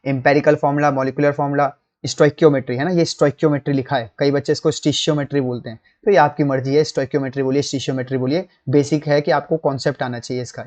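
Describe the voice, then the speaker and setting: A man with a somewhat high voice gives a chemistry lecture to school students. He talks directly to them as kids and often pauses to ask whether they are following. It sounds like a recorded lesson read from slides. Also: darkish tone, lo-fi sound. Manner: addresses students as kids, checks in with "theek" and "hai na". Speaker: chemistry teacher.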